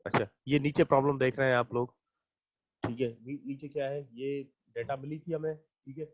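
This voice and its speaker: A man's voice: medium pitch, steady tone, moderate pace, muffled recording. A man teaching an online math class. He explains each step patiently, counts the items aloud and checks in with his students again and again.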